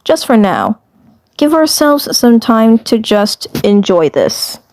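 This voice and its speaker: A woman voicing a smitten, flustered little male alien commander in an amateur fandub, halting and repeating phrases. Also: a little high, sing-song, darkish tone, heavily acted. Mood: fond, pleased.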